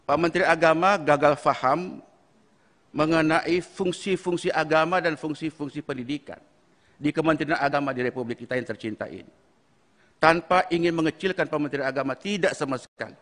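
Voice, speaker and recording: A man on a parliamentary committee, making measured, critical, formal remarks. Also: fairly high pitch, fairly bright tone. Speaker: committee member. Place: large parliamentary meeting room. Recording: long reverb in a hearing chamber.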